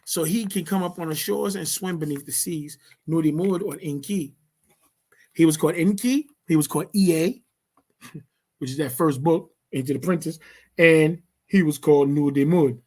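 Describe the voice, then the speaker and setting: Leading a study session, this reader, warm-toned and mid-range, goes through passages aloud before offering casual explanations. The pace stays slow and deliberate throughout.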